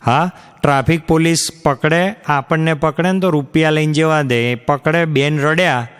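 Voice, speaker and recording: A stand-up comedian tells his stories on a live stage. His voice sits a little high for a man, and a long hall reverb trails each line. He slips into other voices to act out the people in his jokes. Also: steady tone, normal speed, a bit bright, clear, resonant tone. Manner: acts out quoted characters with shifts in pitch. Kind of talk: stand-up storytelling in Gujarati.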